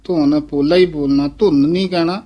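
A man teaching scripture recitation, chanting each verse in a measured way and stopping to correct pronunciation and where to pause. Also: fairly high pitch, steady tone, mellow. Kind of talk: recitation lesson.

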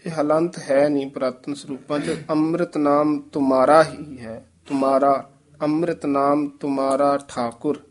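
A man leads a recitation lesson in a deliberate, unhurried voice that sits somewhat high. He chants lines slowly, then breaks off to explain in a brisker, corrective tone. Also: steady tone. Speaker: scripture pronunciation teacher.

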